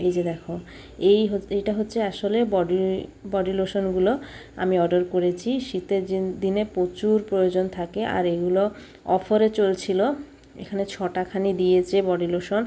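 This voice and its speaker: A woman's voice: mid-range voice, dark tone, slight background noise. A woman chatting casually to her viewers as she films a home vlog on a phone camera. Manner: chatty, friendly, often addresses viewers as friends. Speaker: home vlogger.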